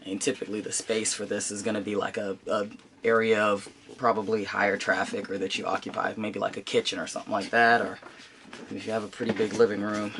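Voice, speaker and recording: A man's voice: fairly low pitch, flat delivery, a little fast, background noise. A man with a congested, sinus-affected voice giving a casual unboxing commentary as a channel host, informal and thinking aloud as he goes.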